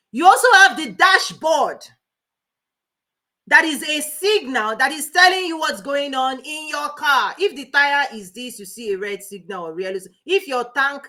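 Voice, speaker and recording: A life coach hosts a motivational livestream, her mid-range voice pushed and bright. She speaks fast and emphatically, repeating key points and greeting viewers by name.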